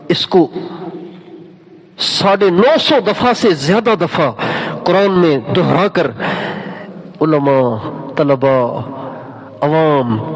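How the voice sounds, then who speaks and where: Brief: male preacher, fairly high voice, animated storytelling, chanted verses. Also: poor audio. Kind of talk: Urdu sermon with Quran recitation.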